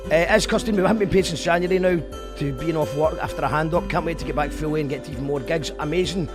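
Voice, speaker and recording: Fast-talking and slightly high-voiced, a man with a Scottish accent runs an online live show. His chat is loose and informal, often restarting partway through a sentence, and background music runs under his voice.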